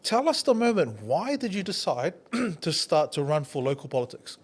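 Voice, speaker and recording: A man hosting an interview, an animated storyteller who encourages his guest. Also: a little high, normal speed, breathy edge. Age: adult, a father. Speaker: podcast host.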